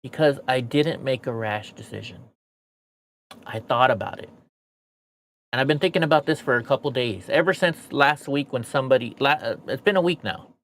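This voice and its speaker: A man's voice: mid-range voice, normal speed, fairly bright tone, a little hiss or hum. An American man with missing front teeth venting bluntly and casually to his stream viewers, swearing as he rambles. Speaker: streamer, show host. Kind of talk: candid monologue to viewers, casual and profane.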